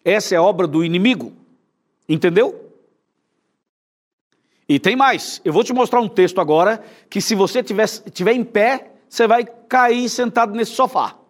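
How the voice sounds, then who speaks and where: High-voiced Brazilian pastor preaching emphatically. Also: male voice, lively intonation, normal speed, long pauses. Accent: Brazilian Portuguese. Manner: emphatic, questioning the viewer directly. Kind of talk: sermon.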